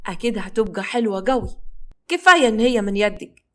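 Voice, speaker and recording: A woman's voice: mid-range voice, animated, fast talker, a bit bright, close to an everyday voice. Woman doing a doting husband. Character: doting Upper Egyptian husband, quick-tempered.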